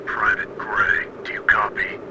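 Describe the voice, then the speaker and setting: A man voicing a stern army commander barks clipped, formal orders through a walkie-talkie, with heavy static hissing under the voice. The voice sits low, and the pitch swings widely from line to line. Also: wildly swooping pitch, unhurried. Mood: commanding. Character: stern male military commander briefing a soldier. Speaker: military commander.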